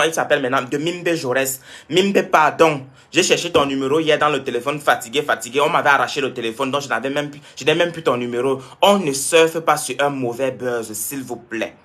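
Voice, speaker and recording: A man's voice: a little high, a bit bright. A young man from Cameroon, talking to his viewers on a live stream, answering comments and repeating points for emphasis. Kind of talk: casual live-stream talk.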